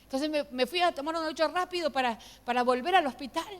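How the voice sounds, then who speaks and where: A high-pitched woman pastor tells her story from the pulpit, her voice swinging between loud outbursts and hushed moments. Her preaching is emotional and animated, and a long reverb hangs behind every phrase in the large church hall. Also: fast. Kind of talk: sermon testimony. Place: church sanctuary.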